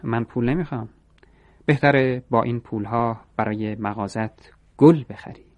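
A man voicing a calm, generous young florist who speaks gently and steadily. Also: medium pitch, muffled recording, close to an everyday voice.

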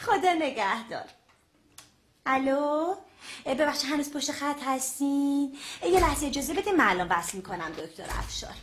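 A woman's voice: high-pitched, very animated. A woman presenting on the radio, making comic phone calls, polite, chatty and always apologizing.

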